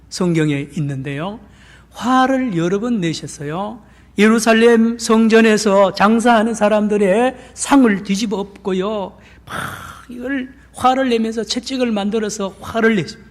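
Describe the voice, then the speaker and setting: A male pastor giving a lively sermon, often throwing questions to the congregation and using playful sales-pitch patter. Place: church sanctuary. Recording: long church reverb.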